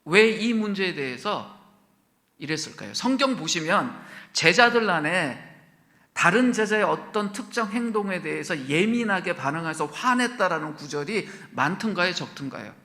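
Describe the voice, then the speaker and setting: A man's voice: high voice, expressive, moderate pace, bright, forceful tone. A male pastor preaching a sermon, asking his congregation questions and acting out quoted lines, sometimes dropping to a whisper. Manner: asks the congregation many questions, acts out quoted speech, drops to a whisper. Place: church sanctuary. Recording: church hall reverb.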